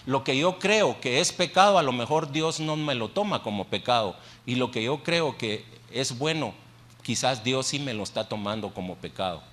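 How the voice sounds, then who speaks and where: A man's voice: mid-range voice, animated, normal speed, a bit bright. A man preaching a sermon. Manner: conversational preaching, asks the congregation questions; repeats phrases for emphasis. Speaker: pastor. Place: church. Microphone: handheld microphone.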